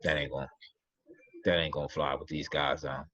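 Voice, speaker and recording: A man's voice: rumbling low, flat delivery, fairly quick, a bit bright, dry recording, muffled recording. A man co-hosting a casual sports podcast, blunt and opinionated in his takes. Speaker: podcast co-host.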